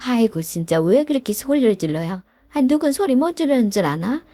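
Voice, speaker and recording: A woman's voice: on the high side, big pitch swings, fairly quick, dark tone, no echo. A woman voicing an older mother-in-law who whines and defends her son in a told story. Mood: whiny defensive. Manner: whiny, defensive pleading. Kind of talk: storytelling with voiced characters.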